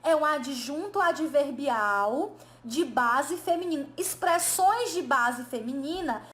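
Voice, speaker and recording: High-voiced woman teaching a lesson. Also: expressive, slow pace, fairly bright tone. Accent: Brazilian Portuguese. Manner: didactic, asks and answers her own questions. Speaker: Portuguese teacher. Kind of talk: exam review lesson.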